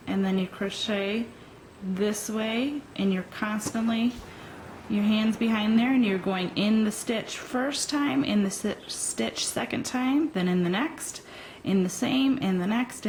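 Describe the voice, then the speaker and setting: Slow, hesitant woman teaching crochet. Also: medium pitch, a little hiss or hum, rough recording. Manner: slow, hesitant with frequent ums, talking while working. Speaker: crochet instructor. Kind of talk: step-by-step tutorial.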